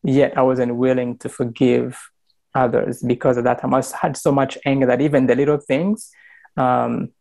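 An earnest young man from Rwanda tells his faith story on a video call at a mid pitch. He talks through an earbud mic in a small plain room, pausing with fillers and restarting his sentences. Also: level tone, gravelly, a little mellow. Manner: earnest, many fillers and restarts, gestures while talking. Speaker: church member sharing testimony. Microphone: wired earbud mic on video call.

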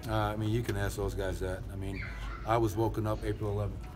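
A middle-aged man speaking as a head coach at a postgame press conference, measured and full of "uh" fillers, into handheld microphones held close in an indoor arena press area. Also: lowish voice, background noise. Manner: measured, flat delivery with frequent "uh" fillers and repeated words. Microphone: several handheld reporter microphones held close.

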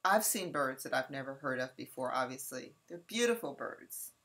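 Woman, from California, low pitch, bright forceful tone, chatty slideshow narration. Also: animated, moderate pace. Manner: chatty, addressing the audience directly. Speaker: safari presenter.

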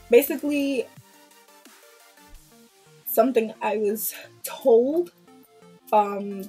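Sitting in a small room before a plain pink backdrop, this Queens, New York vlogger in her 20s talks to the camera in a blunt, casual way, with Jamaican patois phrases popping up now and then. She has a medium-pitched, dark voice.

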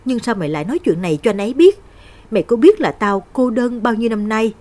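Lovesick ghost girl as a woman reader does her, shrill and pleading, breathy voice that swings high. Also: very animated, normal speed. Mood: anguished.

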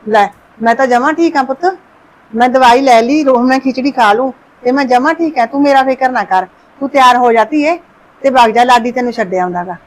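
A soft-spoken, motherly older mother-in-law, acted by a woman, recovering from illness. She talks in a gentle, coaxing way in a village family drama. Her voice sits a little high. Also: a little fast, close to an everyday voice, poor audio. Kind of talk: village family short-film acting.

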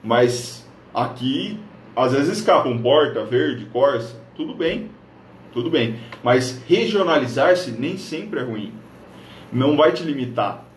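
A man's voice: a little high, lively intonation, takes it slowly, slight background noise. A man from northern Paraná, Brazil, hosting a live stream and coaching viewers on social media in an upbeat, direct way, talking straight to the camera. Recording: echoey room.

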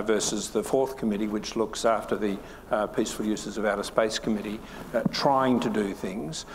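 An older man speaks on a conference stage, earnest and eager, with a mid-range voice. The room gives a long reverb and a faint hum of noise behind him. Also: lowish voice. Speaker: panelist. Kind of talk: conference panel discussion.

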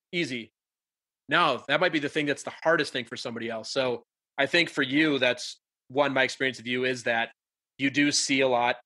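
Bright-voiced podcast host. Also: male voice, medium pitch. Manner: chatty, upbeat, many fillers. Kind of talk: casual conversation.

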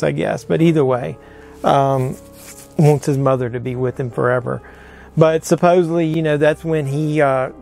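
A man's voice: medium pitch, a little mellow. Middle-aged man rambling about movies. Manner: rambling, frank, many fillers and hedges. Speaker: pop culture YouTuber. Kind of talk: casual to-camera movie reaction. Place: room full of movie posters and collectibles.

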